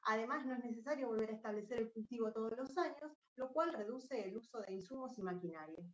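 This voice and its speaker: A woman presenting her company's technology on a video call in a clear, explanatory way. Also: a little high, fast talker. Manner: clear, explanatory, lightly scripted. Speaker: R&D lead presenting a startup. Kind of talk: startup pitch presentation. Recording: roomy, distant, dull video-call audio.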